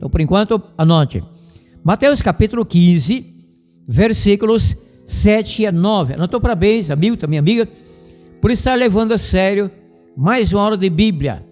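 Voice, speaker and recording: A high-voiced Brazilian man gives a Bible lesson over the radio, lecturing in a didactic, rambling way and repeating his points. His voice carries a long hall reverb, with faint music underneath. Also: expressive, normal speed, darkish tone. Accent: Brazilian Portuguese. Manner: didactic, digressive, repeats himself.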